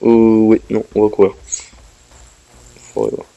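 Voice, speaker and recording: A man's voice: on the low side, steady tone, unhurried, creaky, dark tone, lo-fi sound. French-speaking man narrating a game walkthrough. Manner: chatty, explains as he plays, talks to the game. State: slightly ill, coughing. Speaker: gameplay commentator. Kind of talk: casual gameplay walkthrough commentary.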